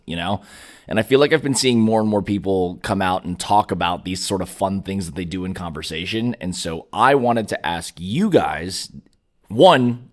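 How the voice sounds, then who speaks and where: Lively young man hosting a chatty podcast. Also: on the low side. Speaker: podcast host. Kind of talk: casual chat.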